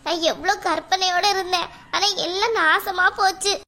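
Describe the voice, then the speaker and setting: A woman's voice: very high-pitched, fairly even intonation, moderate pace, pushed and bright. A woman voicing a worried middle-aged mother in a cartoon, fretful and pleading. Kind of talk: cartoon voice acting.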